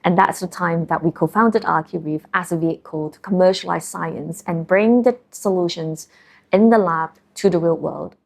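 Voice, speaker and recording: Speaking English with a Hong Kong accent, this marine scientist and founder, a woman in her thirties from Hong Kong, reflects on her work for a documentary. Her lowish, gravelly voice stays measured and thoughtful, often broken by ums and uhs.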